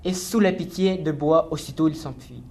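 A man reads a rhymed children's story aloud, clear and rhythmic. His voice sits a little high for a man. He keeps the verse moving at an even pace. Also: moderate pace. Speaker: narrator. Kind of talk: storybook narration.

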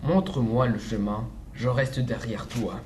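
A man voicing the Gruffalo, a big, hungry, gullible male monster, speaking slowly in a deep growl in a storybook reading. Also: darkish tone, slight background noise, close to an everyday voice.

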